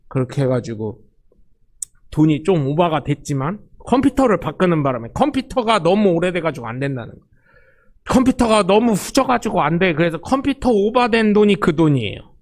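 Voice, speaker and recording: A man's voice: high voice, creaky. A male pastor preaching a sermon, telling stories and acting out the quotes in them. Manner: storytelling, animated, acts out quotes.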